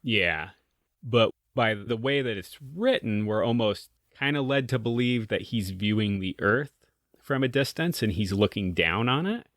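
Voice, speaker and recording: A man's voice: fairly low pitch, lively intonation, unhurried, a bit bright, dry recording, studio quality. A man co-hosting a podcast, talking over a short story in an easygoing, reflective way. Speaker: podcast co-host. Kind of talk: casual book discussion.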